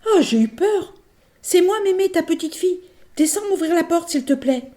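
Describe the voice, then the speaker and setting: A woman storyteller voicing a polite, trusting little girl in a small, high, piping voice. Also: animated, normal speed, dark tone. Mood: worried.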